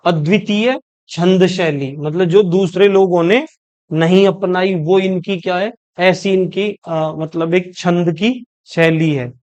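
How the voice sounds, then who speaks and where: A man from India delivers an exam-prep lecture in a high, smooth, resonant voice. He talks at a slow, measured pace, going over each point step by step and often restating it. When he reads English quotations, he slows down even further and reads them deliberately. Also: muffled recording. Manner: explains step by step, often rephrases himself. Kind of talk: explanatory lecture.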